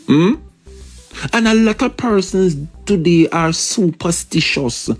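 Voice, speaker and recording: An emphatic Jamaican man talks through politics in a loose, repetitive way, sliding in and out of patois. His voice sits a little high for a man. Faint music plays under him. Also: slow. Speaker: political commentator. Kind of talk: casual political commentary.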